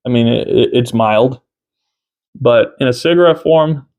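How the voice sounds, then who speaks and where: A man in his thirties giving a casual review to camera, unhurried and halting, often pausing mid-sentence. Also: mid-range voice, highs cut off. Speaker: tobacco reviewer. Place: small room at home, indoors.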